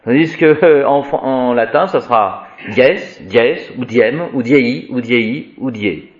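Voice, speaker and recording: A man's voice: medium pitch, takes it slowly, dull audio. A man teaching Latin grammar, reciting word endings in a repetitive sing-song and explaining each form. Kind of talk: spoken grammar lesson.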